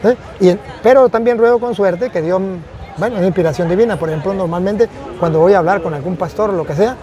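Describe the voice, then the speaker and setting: A man's voice: high-pitched, fast talker, dark tone, dull audio, a faint crowd. A man, a priest, speaking earnestly and reflectively in a conversational testimony, often repeating phrases for emphasis.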